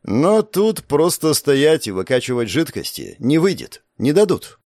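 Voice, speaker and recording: A man narrates a first-person audiobook with a sardonic, swearing edge. His pitch moves a lot from line to line, and the recording is close and dry, with no room sound. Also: unhurried, no echo. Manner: sardonic, expressive, with frequent swearing.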